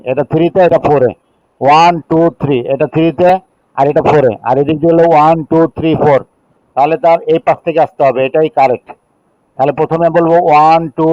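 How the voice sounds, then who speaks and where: A middle-aged male teacher with a Bangladeshi accent gives a classroom chemistry lecture in a slightly high voice, reading rules slowly in English, then explaining them in Bengali while counting aloud and checking in with students. The recording is dry, dull, and lo-fi, with a dark tone and no room sound.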